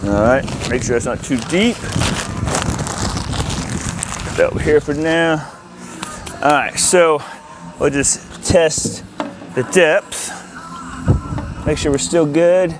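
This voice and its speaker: In a low-quality recording over music, a man speaks slowly and pauses often. He is the host of an installer's video channel, casually walking through hands-on work outdoors in a yard. Outdoor noise and a steady ambient rumble sit underneath.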